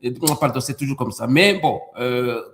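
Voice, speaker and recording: A man's voice: mid-range voice, moderate pace, a bit bright, slight background noise. A man from Rwanda, a guest in a debate, talking hesitantly with many restarts and repeated words. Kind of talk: conversational debate.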